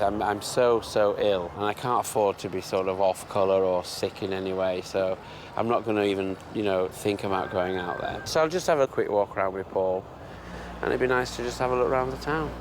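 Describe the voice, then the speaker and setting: A man's voice: fairly low pitch, fairly quick, noisy background. Chatty Yorkshire man, fussy tour guide. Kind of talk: casual chat to camera.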